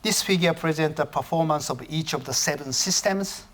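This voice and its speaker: Speaking on the high side with a slightly bright tone, a Japanese-native professor gives an academic talk. He regularly pauses and fixes his own phrasing.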